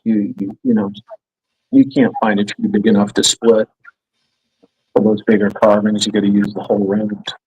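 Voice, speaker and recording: Male guest carver, husky voice, unhurried and hesitant, lots of restarts. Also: on the low side, level tone, a little mellow, low-quality recording. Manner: hesitant, many restarts and fillers. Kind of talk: casual explanation on a live stream.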